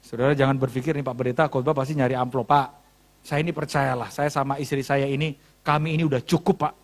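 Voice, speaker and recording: A man's voice: mid-range voice, fast. A male pastor preaching with humor, acting out dialogue as he tells a story to his congregation. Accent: Indonesian. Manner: animated, acts out dialogue, jokes with congregation. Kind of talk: sermon storytelling. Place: church hall.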